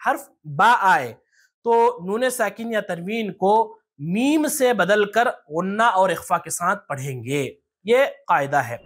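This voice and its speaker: A teacher giving a step-by-step lesson on reading the Quran. The teacher often asks rhetorical questions and spells out letter sounds slowly. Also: mid-range voice, fairly bright tone, breathy edge. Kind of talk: tajweed lesson.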